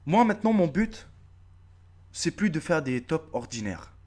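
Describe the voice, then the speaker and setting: A man's voice: fairly high pitch, unhurried. A man in his thirties with a North African French accent, talking straight to his viewers in a casual, swearing, repetitive vlog. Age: 30s. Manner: animated, swearing, repeating himself, addresses viewers directly. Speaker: YouTube video creator. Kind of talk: casual face-to-camera vlog.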